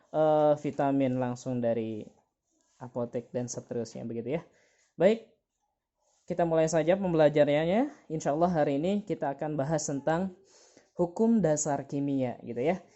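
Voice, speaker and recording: A woman's voice: deep voice, dark tone, muffled recording. A woman teacher giving an online chemistry lesson, patient and repeating key terms with many fillers.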